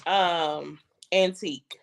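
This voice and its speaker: A woman's voice: fairly low pitch, steady tone, slow pace, vocal fry. A woman with a New Orleans accent, a podcast guest who hesitates and laughs easily in casual chat.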